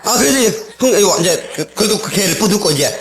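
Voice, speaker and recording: A man's voice: high voice, quick pace, a loud crowd. A male pastor giving a sermon full of personal testimony, telling stories with much laughter and acting out the voices of the people in them, recorded on an old cassette tape in a church. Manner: animated storytelling, acting out quoted voices, frequent laughter. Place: church sanctuary.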